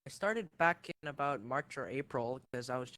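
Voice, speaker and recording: A man's voice: mid-range voice, lively intonation, normal speed, pushed and bright, a little hiss or hum. A man talking casually as a guest on an online voice call, hesitant and full of ums, with a choppy connection that keeps cutting in and out. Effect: choppy voice chat cutting in and out. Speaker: guest player on voice chat. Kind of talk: casual chat. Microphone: online voice chat.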